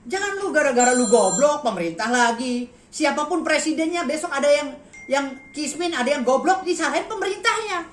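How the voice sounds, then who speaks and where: A man's voice: very high voice, a bit bright. A man giving a heated press statement, blunt and insulting, with a habit of repeating a slang tag. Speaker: interviewee. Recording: echoey, faint background noise.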